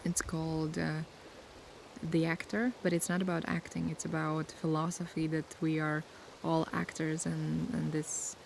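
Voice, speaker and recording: Sea waves wash steadily behind a young Latvian ASMR creator, a native Latvian speaker, as she chats outdoors in a laid-back Q&A. Her voice sits low, flat and level, carrying gravelly fry, and she speaks softly and thoughtfully, pausing to find her words.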